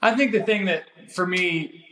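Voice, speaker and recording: Higher-voiced young man, halting emphatic sports talk. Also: pushed and bright, a little hiss or hum. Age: 20s. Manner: halting, repeats phrases for emphasis. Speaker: former college basketball player. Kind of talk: casual sports podcast conversation. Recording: roomy, echoey sound.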